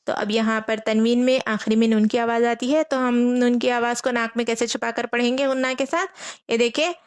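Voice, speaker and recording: A woman teaching a Quran reading lesson, patiently repeating each rule, asking her students questions and slowly spelling out letters. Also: on the high side, steady tone, clean tone. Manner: patient, repeats rules and asks rhetorical questions.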